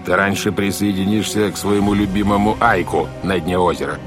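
A man's voice: low voice, steady tone, brisk, over music, lightly acted. A man voicing a sinister scheming sea captain who speaks in a cold, sneering, menacing way.

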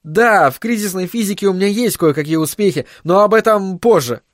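A man's voice: sits high, fairly quick, no echo, voice pushed up, natural voice. Brief: male reader doing a stubborn, agitated scientist, raised and emphatic, dry close sound. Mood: heated. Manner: heated, emphatic, pleading at times.

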